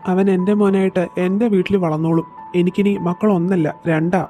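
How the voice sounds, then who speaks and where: A woman voicing a gentle, protective middle-aged father who speaks softly and steadily. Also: on the low side, fairly quick, faint music behind, close to an everyday voice. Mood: firm. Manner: soft, steady, reassuring. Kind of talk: storybook voice acting.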